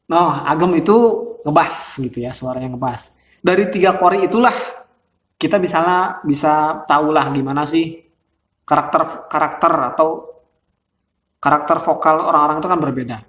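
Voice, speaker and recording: A man's voice: a little high, moderate pace, pauses often, fairly bright tone. A male host, talking casually and chattily about vocal character with frequent laughs and fillers. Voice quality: describes his voice as thin and reedy. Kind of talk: casual explanatory talk. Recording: roomy echo.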